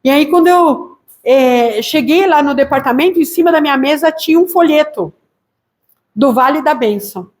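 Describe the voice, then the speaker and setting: A woman missionary pastor with a Brazilian Portuguese accent, telling her church testimony in a lively way and acting out voices. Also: high voice, moderate pace. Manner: lively storytelling, acts out quoted voices.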